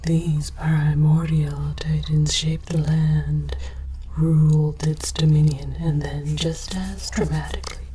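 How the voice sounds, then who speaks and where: A woman hosting an ASMR series whispers slowly as an alien archaeologist researcher, scholarly and condescending about humans, in scripted narration. Her low-pitched voice has little pitch movement and a deliberate, theatrical, mock-scholarly manner and mood, over a noisy background.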